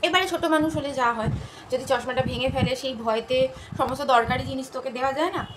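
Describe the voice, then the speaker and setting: A woman's voice: high-pitched, steady tone, fast. A young woman chatting casually to her viewers as friends in a home vlog, filmed on a phone at home. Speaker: home vlogger. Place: family home. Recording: noisy home recording.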